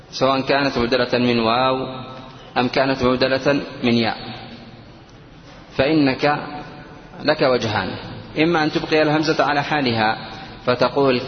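A man teaching a grammar lesson, explaining slowly and asking his students questions as he goes. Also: medium pitch. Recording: echoey dull room with faint noise.

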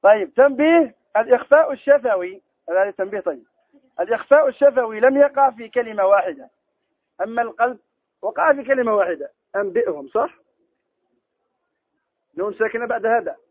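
Man, high voice, tajweed teacher, quizzes students, dry tinny phone-like sound. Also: expressive, no echo. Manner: quizzes students, asks then answers own questions; slow drawn-out recitation of verse examples. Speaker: Quran recitation teacher. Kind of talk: classroom lesson on tajweed rules.

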